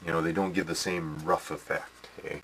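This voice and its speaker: A man's voice: sits low, fairly even intonation, moderate pace, creaky, a bit bright. A middle-aged man casually demonstrating a hobby model build in a small workshop, rambling with lots of fillers and "eh" tags. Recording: noisy home camcorder audio.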